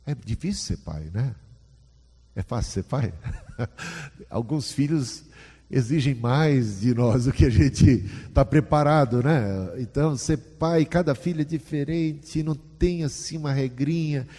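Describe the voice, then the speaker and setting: A man gives a sermon, chatting with the congregation and asking them questions. His voice is mellow and a little husky. It rings with the long echo of a church hall. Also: medium pitch, animated, a little slow. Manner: conversational, asks the audience questions. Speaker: preacher.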